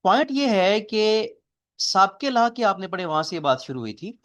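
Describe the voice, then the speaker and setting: A man's voice: high-pitched, big pitch swings, moderate pace, fairly bright tone. A man lecturing a classroom, explaining things step by step and quizzing his students. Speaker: teacher.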